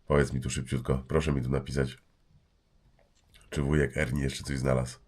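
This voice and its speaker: A man's voice: a bass voice, little pitch movement, moderate pace, a little mellow, slight background noise. A man with a stuffy nose from a cold hosting a casual livestream at home, joking and greeting viewers by name. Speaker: livestream host.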